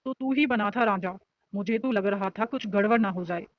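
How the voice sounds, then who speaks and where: A woman's voice: mid-range voice, normal speed, muffled recording, lightly acted. A woman voicing a nosy, teasing young male college student in a storybook reading. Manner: joking, nosy banter.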